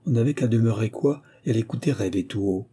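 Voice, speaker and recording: A man reading a nineteenth-century short story aloud in a measured storytelling manner. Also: on the low side, dark tone, husky. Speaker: audiobook reader. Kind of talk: scripted literary narration.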